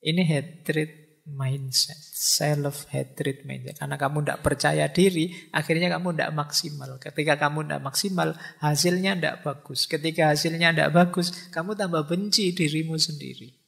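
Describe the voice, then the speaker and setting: A man's voice: fairly high pitch, fairly even intonation, normal speed, vocal fry, fairly bright tone. A man giving an informal philosophy and religious study lecture to an audience, acting out people's inner voices as he teaches. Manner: informal teaching, Javanese-flavored asides, acts out inner voices.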